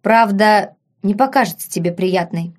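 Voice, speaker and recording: A woman's voice: medium pitch, moderate pace, close to an everyday voice. A woman voicing an older uncle who speaks coldly and patronizingly to his nephew. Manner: cold, patronizing tone.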